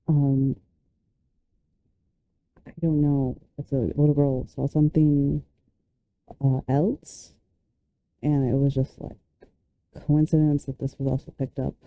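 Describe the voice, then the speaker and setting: A woman's voice: a bass voice, lo-fi sound. A woman reacting casually to video clips, rambling with lots of fillers and the odd curse. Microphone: handheld or desk mic close up.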